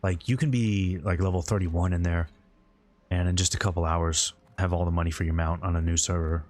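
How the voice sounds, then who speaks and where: Low voiced guy streaming a game, rambling casually, chatting with viewers. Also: fairly even intonation, fairly quick, a little mellow. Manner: informal, rambling, conversational. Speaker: game livestream host. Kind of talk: casual gaming stream commentary, answering viewer chat.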